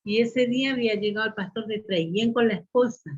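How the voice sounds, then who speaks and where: A woman's voice: fairly high pitch, a little fast. Chilean woman telling her testimony. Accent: Chilean Spanish. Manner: storytelling, addressing listeners as brothers and sisters. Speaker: church member giving testimony. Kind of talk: personal testimony at a church meeting. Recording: muffled lo-fi recording.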